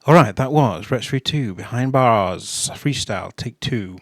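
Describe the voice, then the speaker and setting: A man giving casual reaction commentary in a relaxed way, repeating himself and using fillers like um and you know. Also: mid-range voice, measured pace, loud music behind the voice. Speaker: reaction video host.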